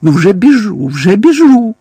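A man's voice: mid-range voice, normal speed, breathy edge, no echo, close to an everyday voice. A male narrator voicing a scruffy, shifty small-time crook who mumbles and stammers in slang. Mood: cowering.

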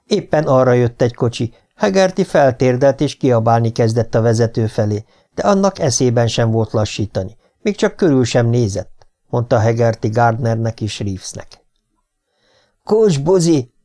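A man's voice: mid-range voice, lively intonation, warm tone. A man narrating a horror audiobook with dramatic storytelling. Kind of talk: scripted narration.

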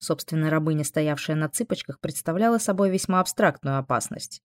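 A woman's voice: deep voice, expressive, a little fast, dry recording. Woman narrating an audiobook, dry sound. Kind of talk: scripted narration.

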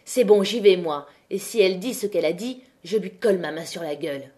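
A woman voicing an angry coal miner who shouts coarse threats in an audiobook. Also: mid-range voice, animated, a little fast, lightly acted. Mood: furious. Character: angry coal miner, grown man, brutal temper.

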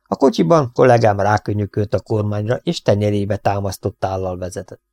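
A man narrating an audiobook in calm, even storytelling. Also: fairly low pitch, gravelly, dry recording. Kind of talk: scripted narration.

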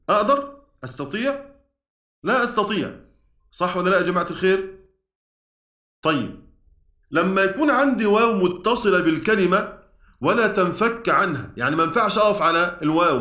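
High-voiced Egyptian sheikh teaching in an echoey room. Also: male voice, sharp tone. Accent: Egyptian Arabic. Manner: explains step by step, often checks with the class. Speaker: Quran recitation teacher. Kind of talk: classroom lesson on Quran orthography. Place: lecture room at an institute. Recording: roomy hall echo from a distant mic.

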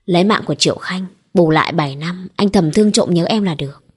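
Woman reading possessive young husband, cold, commanding, low, husky, storybook. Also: fast talker.

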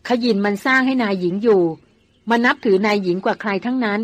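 A woman voicing a loyal older male jungle hunter who speaks softly and politely. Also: mid-range voice, fast talker, no room sound, lightly acted. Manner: soft, polite.

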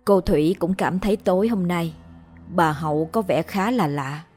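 A woman storyteller narrating a ghost story in a calm, measured way. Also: fairly low pitch, husky, soft background music.

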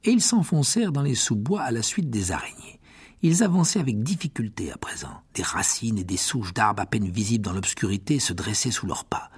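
A man's voice: on the low side, slightly rough. A man narrating a fantasy audiobook dramatically, often dropping to a whisper. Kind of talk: expressive audiobook reading.

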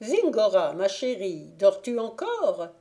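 A woman voicing an imperious female fairy who shouts orders at her squire in a shrill, commanding voice. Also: wildly swooping pitch, slow. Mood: calling sweetly.

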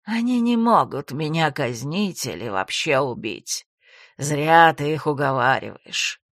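A woman voicing a calm, creepy male cult leader with a creaky, low, slow voice. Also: no echo, studio quality, exaggerated voice. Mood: mocking.

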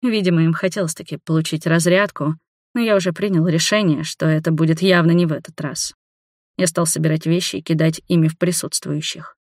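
An audiobook reader giving measured, steady first-person narration. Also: medium pitch, dry recording, clean studio sound.

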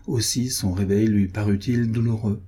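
A man reading a nineteenth-century novel aloud in a measured, literary narration. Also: on the low side, fairly even intonation, mellow, breathy edge. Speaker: audiobook reader.

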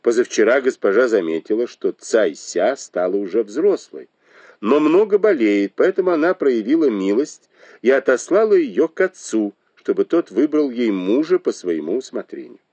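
A shrewd noblewoman with a sharp, mocking tongue, as a male reader puts her on. The voice sits higher than his own and swings widely in pitch. The recording is close and dry, with no room sound. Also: big pitch swings, moderate pace, no room sound. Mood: explaining. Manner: mocking, reproachful.

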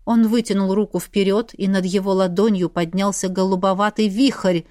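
A woman narrating a novel in the first person with steady, even storytelling. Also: medium pitch, moderate pace. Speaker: audiobook reader.

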